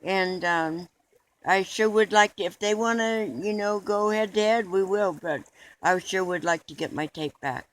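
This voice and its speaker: High-voiced man rambling earnestly. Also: unhurried, a bit bright, low-quality recording. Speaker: interviewee. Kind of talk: mock-documentary interview.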